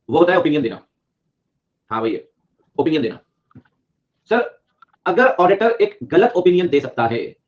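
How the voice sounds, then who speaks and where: A man teaching a live online class at a fast pace, mixing Hindi and English, joking with the class and repeating key points over and over. His voice sits a bit high for a man. The audio sounds dull and lo-fi. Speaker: CA exam teacher.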